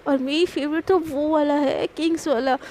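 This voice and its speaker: A woman voicing a teasing young woman, very high voice, mellow tone, slow mocking sing-song, storybook. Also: fairly even intonation, natural voice.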